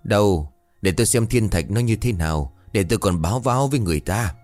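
A man voicing a middle-aged village chief who questions in a flat, bureaucratic way. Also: fairly low pitch, fast talker, dry recording, soft background music, natural voice. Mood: matter-of-fact. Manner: bureaucratic, matter-of-fact questioning.

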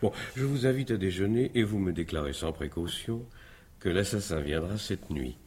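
An actor playing a fussy, exasperated lawyer who grumbles and protests in a flustered, exclamatory way. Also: male voice, low-pitched, lively intonation, normal speed, darkish tone. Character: fussy, exasperated middle-aged male lawyer sidekick.

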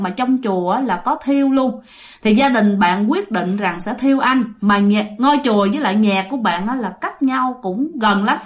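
A woman with a Southern Vietnamese accent telling a ghost story, chatty and speaking straight to her listeners. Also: mid-range voice. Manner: chatty, addresses listeners directly.

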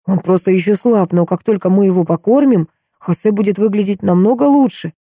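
A woman's voice: mid-range voice, brisk, mellow, no echo, clean studio sound, lightly acted. A woman reading an audiobook, voicing a fervent, unstable young man who talks with feverish insistence. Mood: eager.

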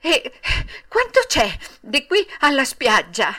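A woman's voice: medium pitch, a little slow, a bit bright, natural voice. A woman voicing a wooden puppet boy in an audiobook, wailing and pleading through sobs. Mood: eager. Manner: sobbing, wailing pleas. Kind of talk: audiobook character voice.

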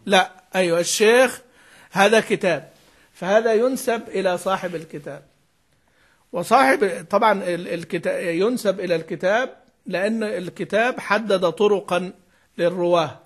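High-voiced man teaching a class. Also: slightly rough. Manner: prompts students with fill-in questions, repeats key terms. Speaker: Quran recitation teacher. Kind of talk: lecture on Quran reading rules.

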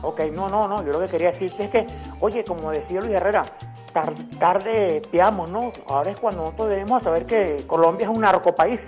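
A woman calls in to a radio show holding her phone away, so she comes across faint over a dull phone line. She speaks indignantly and stumbles over her words. Her mid-range voice is brisk and a little mellow, with soft background music.

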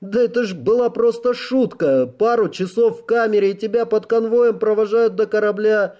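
A man putting on a weary, gruff convoy officer. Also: high-pitched, normal speed, a little mellow, highs cut off, voice pushed up, natural voice. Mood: exasperated.

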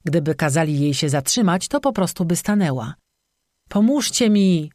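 An audiobook narrator reading a scripted horror story in an even, steady manner. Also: mid-range voice, fairly quick, no room sound, clean studio sound.

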